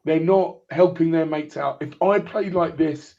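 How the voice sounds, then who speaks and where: His voice on the high side, a little slow and with vocal fry, a man in his forties talks football casually over a clipped phone line, rambling and restarting his points over and over.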